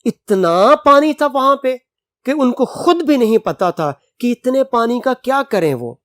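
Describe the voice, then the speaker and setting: An English teacher who reads a text aloud slowly, explains it at length and spells words out letter by letter. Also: mid-range voice, expressive, dry recording, studio quality.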